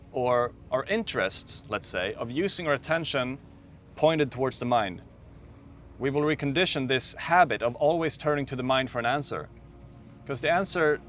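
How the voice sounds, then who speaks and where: A man leads a guided meditation in a calm, soft-spoken way. He talks slowly and leaves long pauses between phrases. His voice sits at an ordinary pitch for a man. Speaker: meditation teacher.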